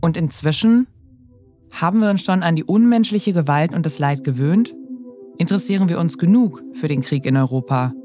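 A documentary narrator speaking in an earnest, measured way. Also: mid-range voice, dark tone, soft background music. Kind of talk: scripted narration.

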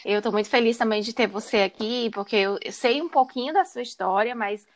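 A woman's voice: on the high side, a little fast. A woman hosting a podcast, a recruiter, welcoming her guest in an upbeat, casual way. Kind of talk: podcast intro and casual interview.

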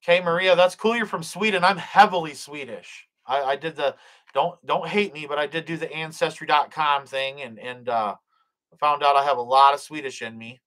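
Poor audio captures a fairly high-pitched, sharp-toned man speaking at a moderate pace. Middle-aged and hosting a live stream, he reads out the chat, blesses his viewers and prays, stumbling through lots of fillers and restarts.

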